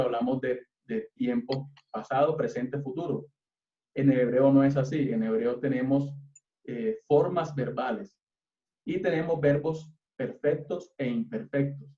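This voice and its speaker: A man's voice: medium pitch, warm tone. A man with a Colombian accent preaching to a youth service, patiently explaining Hebrew words letter by letter in a teaching sermon. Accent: Colombian Spanish. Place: church hall. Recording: roomy, distant, dull church recording.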